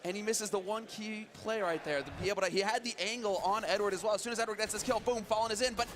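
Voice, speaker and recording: Fast, high-pitched male esports caster. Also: slight background noise. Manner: urgent, building to shouts at big plays. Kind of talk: excited esports play-by-play commentary.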